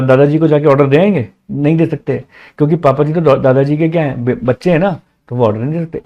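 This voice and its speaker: A man's voice: fairly high pitch, mellow. A man teaching a casual exam revision lesson, chatty, asking questions and answering them himself. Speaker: commerce teacher. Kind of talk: casual Hindi-English exam revision lecture. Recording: slightly dull lo-fi sound.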